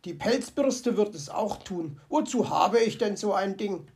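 Storybook fox gentleman, chatty and self-talking, gravelly edge; woman reader puts him on. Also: medium pitch, expressive, a little slow. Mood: delighted. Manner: chatty, talks to himself, comic grumbling. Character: cheerful fussy male fox, Herr Fuchs. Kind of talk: storybook character voice.

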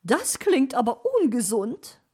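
Storybook magpie lady, put on by a woman reader: high, shrill, loud, slow and chatty, bossy and teasing. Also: sing-song, breathy edge, full character voice.

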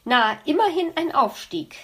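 A woman's voice: sits high, expressive, normal speed, voice pushed up. A woman voicing a touchy, easily offended young female character in a children's audiobook, huffy and prickly. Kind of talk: audiobook reading.

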